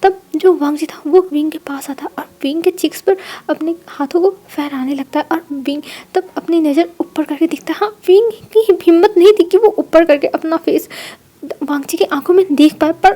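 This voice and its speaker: High-voiced woman retelling a story. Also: normal speed, dark tone. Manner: conversational, repetitive retelling. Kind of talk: retelling fan fiction aloud.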